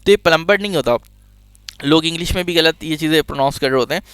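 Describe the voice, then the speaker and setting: Male teacher, chatty and digressive, slightly high voice, smooth tone, dry close mic. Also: quick pace, fairly bright tone, no echo. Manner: chatty, digressive, jokey asides. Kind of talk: casual explanatory lecture.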